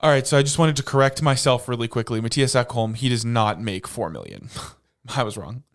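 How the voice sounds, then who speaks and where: A man in a relaxed hockey chat, explaining trade ideas and correcting himself. He laughs often and keeps a mid-range voice. The tone is easygoing banter. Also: medium pitch, fairly quick. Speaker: podcast co-host. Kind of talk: casual sports chat.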